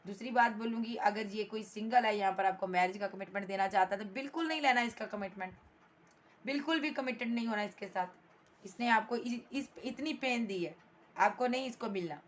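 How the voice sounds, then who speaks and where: A woman's voice: medium pitch, brisk, slight background noise. A woman giving a tarot reading to her viewers, blunt and emphatic, scolding the absent partner and calling the listener "bhai" and "darling". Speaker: tarot reader.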